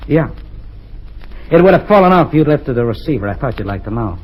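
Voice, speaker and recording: In an old-time radio style, a male actor plays a cold, threatening gangster holding a man hostage. His medium-pitched voice is sing-song and brisk, and the mood is menacing. The high frequencies are cut off.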